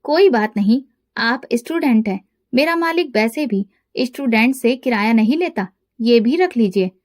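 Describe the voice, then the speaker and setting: A polite, kind young bus conductor, read out by a woman narrator with a high, light voice. He sounds gentle and respectful in a storybook way, close to the reader's own voice. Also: animated, normal speed, lightly acted.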